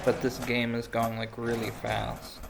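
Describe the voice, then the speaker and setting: A man's voice: medium pitch, monotone, measured pace, vocal fry, noisy background. A man giving casual, rambling commentary over video game replays, chatting while he snacks. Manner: rambling, laid-back, snacking while talking.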